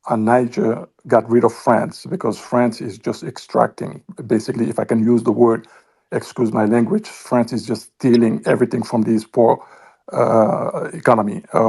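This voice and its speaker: A man from West Africa, an audience member asking a long question at a public event, talking haltingly with many pauses. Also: medium pitch, vocal fry, a little mellow, slightly rough. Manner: halting, many fillers and restarts.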